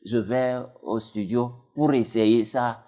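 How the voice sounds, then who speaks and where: A man's voice: fairly even intonation, slow, mellow. A man, a dubbing actor talking casually as an interview guest, rambling with many fillers and restarts. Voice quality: deep voice.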